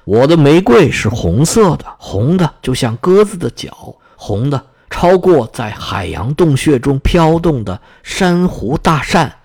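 A man voicing a frost-bitten red rose tree in a fairy-tale reading, slow and mournful. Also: a little high, sing-song, a little mellow, breathy edge, heavily acted. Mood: sorrowful.

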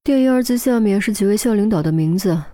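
A woman's voice: mid-range voice, expressive, fast, mellow, close to an everyday voice. A woman voicing a detached young male forensic expert who explains his deductions in a matter-of-fact way. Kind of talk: audiobook character voice.

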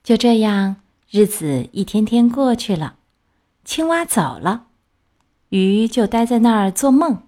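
A woman gently reading a children's story aloud in an expressive way. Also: a little high, measured pace.

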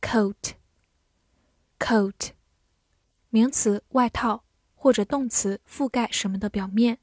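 A woman teacher reviewing vocabulary, saying each word twice in a clear, careful way before giving its meaning. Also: a little high, no echo, clean studio sound.

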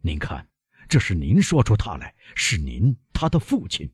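In an audiobook, a man voices a stern, relentless older doctor who presses his accusations in a cold, measured way. His deep voice is rough and husky and exaggerated, with huge pitch swings that rise and fall sharply, recorded dry and close.

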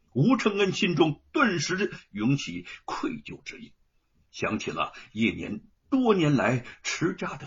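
Husky, expressive male storyteller. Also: on the high side. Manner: expressive, dramatic narration. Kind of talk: dramatic storytelling narration. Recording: dull lo-fi recording.

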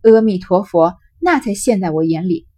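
Blunt tomboyish teen girl, husky and direct, mid-teasing as a woman reads her lines. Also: lowish voice, lively intonation, normal speed, mellow, no room sound, studio quality.

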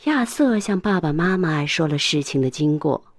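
Animated woman reading a children's story. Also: low voice, normal speed, no echo, studio quality. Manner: expressive, animated.

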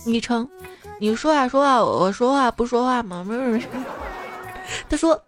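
A young woman hosts a light comedy podcast, reading listener jokes aloud in a lively, casual voice that sits a bit high for a woman. She often laughs at her own material, and soft music runs behind her. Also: normal speed.

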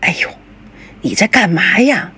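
A woman's voice: on the low side, expressive, unhurried, sharp tone, breathy edge, full character voice. A woman voicing a shrewd middle-aged mother who fusses and persuades. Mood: scolding. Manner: fussing, persuasive.

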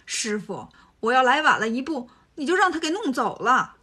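A woman's voice: high voice, big pitch swings, normal speed, pushed and bright, husky, exaggerated voice. A woman voicing a cocky, clever male monkey hero who teases his master. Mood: cheeky.

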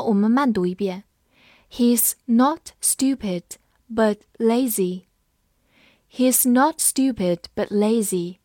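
A woman teaching English words to Chinese speakers, spelling them out letter by letter and reading example sentences slowly. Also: on the high side, no room sound, clean studio sound. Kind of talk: vocabulary lesson.

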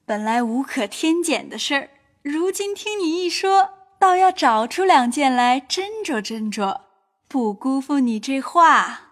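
A woman playing a gentle young noblewoman in an audio drama, amused and full of praise. Her voice is high and lively, and she speaks slowly.

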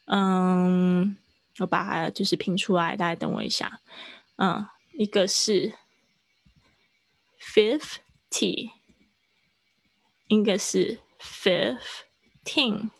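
A woman teaching a live online English lesson, explaining at length and stretching out words slowly to demonstrate them. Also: lowish voice, steady tone, no room sound. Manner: slow, drawn-out pronunciation demonstrations. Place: online class.

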